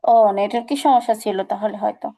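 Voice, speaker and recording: A woman's voice: medium pitch, fairly even intonation, creaky, mellow. A woman teaching an online recitation class, patient and repetitive, asking her students questions. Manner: patient, repeats examples slowly, asks students questions.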